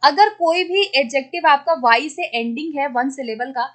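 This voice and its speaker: A woman teacher explains grammar rules for exam students. She asks a question, then answers it herself, and checks in with a quick "okay?" along the way. She says the example words slowly and more than once. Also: sits high, fairly bright tone. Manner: spells out words slowly and repeats them. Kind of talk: exam-prep grammar lesson.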